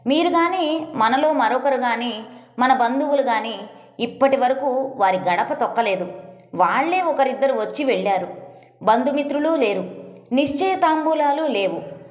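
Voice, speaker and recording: Sharp indignant wife, as a woman reads her. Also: high voice, animated, a little slow, reverberant. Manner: sharp, reproachful, argumentative. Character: indignant middle-aged wife and mother.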